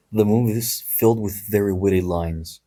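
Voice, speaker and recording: A man's voice: on the low side, a little slow, dark tone. A man hosting a history podcast, talking in a chatty, digressive way with wry asides. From Greece. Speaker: podcast host. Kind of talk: casual history podcast talk.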